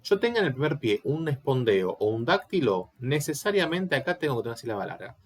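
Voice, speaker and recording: A man's voice: medium pitch, very animated, fast talker, breathy edge. Patient man teaching Latin meter. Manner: patient, explanatory, asks checking questions. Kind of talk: online class lecture.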